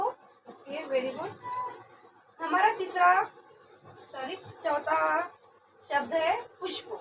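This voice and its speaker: A young woman teaching a class, with a high voice and an unhurried pace. She repeats each word carefully and asks questions she then answers herself. The recording is distant, with clear background noise. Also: fairly bright tone. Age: young adult. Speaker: trainee teacher. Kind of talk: classroom lesson.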